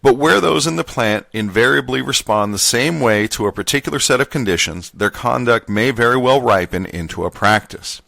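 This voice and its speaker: A man hosting a podcast, reading a labor contract manual aloud word for word in a plain, steady voice, now and then stumbling and correcting himself. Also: medium pitch, moderate pace, gravelly, few pauses, no room sound. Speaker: podcast host.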